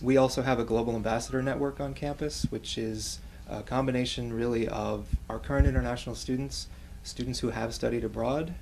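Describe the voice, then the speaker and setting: A man on campus staff explaining a program in a measured, informative way. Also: medium pitch, vocal fry, darkish tone, slight background noise. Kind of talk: explanatory interview.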